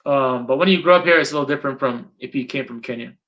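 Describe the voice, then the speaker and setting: Bright-voiced middle-aged man, rambling interviewer. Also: medium pitch, quick pace. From Guyana. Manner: rambling, repeats points for emphasis. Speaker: interviewer and channel host. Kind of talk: casual interview talk. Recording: dull lo-fi sound.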